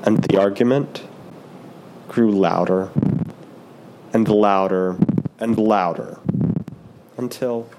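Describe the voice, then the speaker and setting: Male storyteller reading aloud: gentle and unhurried, slow, low voice, light music under him. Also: noisy background. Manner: gentle, unhurried, soft delivery. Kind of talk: slow read-aloud of a picture book.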